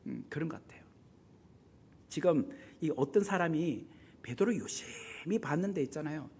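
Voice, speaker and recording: A male pastor delivers a lively sermon in a church, his pitch rising and falling widely as he acts out the voices he quotes. His voice has a slightly husky edge. He talks with the congregation, putting questions to them. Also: moderate pace. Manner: animated, acts out quoted voices with big swings in loudness; conversational, asks the congregation questions. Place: church sanctuary.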